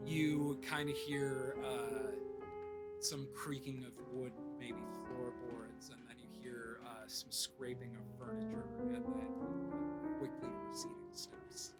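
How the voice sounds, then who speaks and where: A man narrating a tabletop game as game master, conversational and halting as he describes scenes. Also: medium pitch, fairly even intonation. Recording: guitar music behind the voice.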